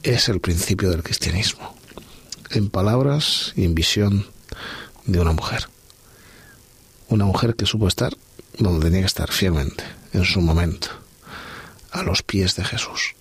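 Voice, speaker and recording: Middle-aged guy w a doing a bible study podcast, husky voice, dry close sound, lots of thoughtful questions. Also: low voice, a little slow, pauses often, no echo. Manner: musing, with rhetorical questions. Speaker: podcast host. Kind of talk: reflective Bible study talk.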